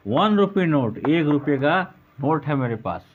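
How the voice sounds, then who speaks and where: Guy teaching grammar, fairly high voice, keeps asking then answering his own questions, dull lo-fi sound. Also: expressive, a little hiss or hum. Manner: asks questions and answers them himself; repeats words slowly for emphasis. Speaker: English teacher. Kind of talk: lecture. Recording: dull lo-fi recording.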